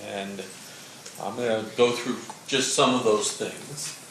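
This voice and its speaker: A man's voice: fairly low pitch, fairly even intonation, takes it slowly, a bit bright. A man working as a prosecutor, questioning a witness in a courtroom methodically with frequent "uh" and "um", heard in a courtroom recording. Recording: echoey courtroom recording with background noise.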